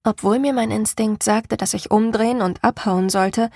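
Gravelly woman narrating a story. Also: mid-range voice, steady tone, normal speed, a little mellow, no echo, studio quality. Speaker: audiobook narrator. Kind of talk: first-person scripted narration.

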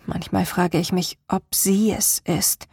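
A woman reading the part of a haunted, determined young woman in measured, weary tones. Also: medium pitch, fairly even intonation, a little mellow, husky, no echo, clean studio sound. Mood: grim. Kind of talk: audiobook character reading.

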